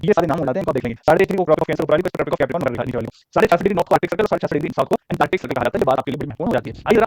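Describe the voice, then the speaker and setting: Man, classroom teacher, fast-talking, repeats answers for note-taking, dry close sound. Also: on the high side, no room sound, rough recording. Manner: quizzes listeners with repeated questions; drawls out English question phrases. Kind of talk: classroom geography lesson.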